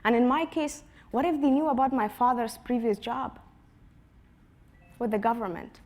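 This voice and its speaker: A woman in her twenties from Afghanistan delivers a prepared personal talk as a conference speaker, telling her story earnestly. Her slightly high voice moves at a normal pace and drops softly at the ends of phrases.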